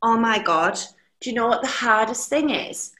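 A woman's voice: on the high side, expressive, normal speed, bright, forceful tone. A young woman with a Teesside accent chatting casually and candidly as a podcast guest, with some mild swearing. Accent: Teesside, North East England. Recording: echoey room.

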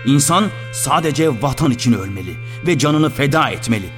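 A man's voice: medium pitch, moderate pace, over music, natural voice. A man voicing a stern army major. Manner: stern, preaching rebuke.

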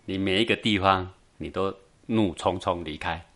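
A man giving a Buddhist dharma talk, telling a Zen tale in an animated way, chuckling and often checking that his listeners follow. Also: low voice, normal speed. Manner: animated, keeps asking the audience for agreement, chuckles often. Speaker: Buddhist teacher.

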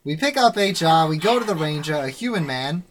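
A player casually reading a recap of the last tabletop session, in a brisk list-like way with joking asides. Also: mid-range voice, animated, slight background noise.

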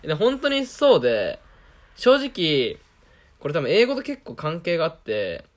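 A man's voice: a little high, wildly swooping pitch, a little slow. A young man with a Kansai Japanese accent, talking in a casual, self-deprecating monologue and laughing often.

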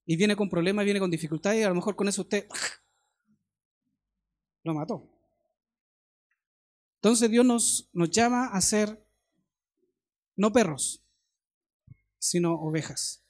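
A middle-aged man with a Chilean accent, preaching a sermon in a conversational way with homely stories and quick questions to his listeners. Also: sits high, darkish tone.

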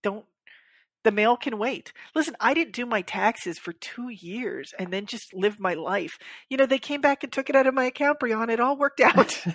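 Woman, podcast co-host, casual chat, lively storyteller, plays out quoted voices, mid pitch, dry close sound. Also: normal speed, hardly any pauses, no echo.

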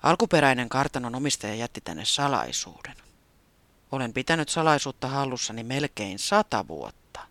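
A storyteller voicing an ancient manor spirit, low, soft and half-whispered. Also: sing-song, no room sound. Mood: solemn.

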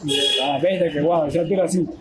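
A man's voice: fairly high pitch, steady tone, fast talker, over a noisy crowd. A man telling a story casually, acting out quotes in a raised voice. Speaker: guest telling his boxing story. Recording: noisy background hiss.

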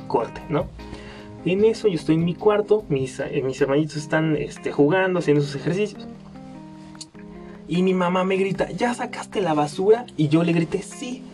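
A young man with a Mexican accent, his voice a bit higher than most and soft in tone. He chats casually as a podcast host, laughing often between fillers. Faint music plays underneath. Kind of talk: casual storytelling.

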